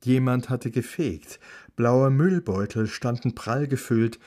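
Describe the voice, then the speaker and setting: Calm German man narrating an audiobook. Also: medium pitch, slow.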